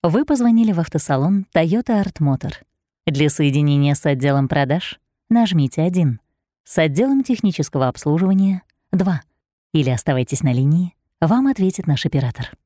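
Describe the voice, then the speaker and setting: Low, polished phone-menu woman. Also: brisk, dry recording, studio quality. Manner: polished, even-paced, courteous. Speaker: voice-over announcer. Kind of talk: recorded phone greetings.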